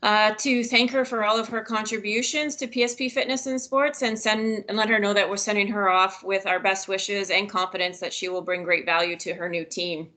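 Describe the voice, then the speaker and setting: A woman's voice: medium pitch, steady tone, moderate pace, hardly any pauses, sharp tone. A woman giving upbeat staff announcements on a work video call from home. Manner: upbeat, giggly after a mishap. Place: home office.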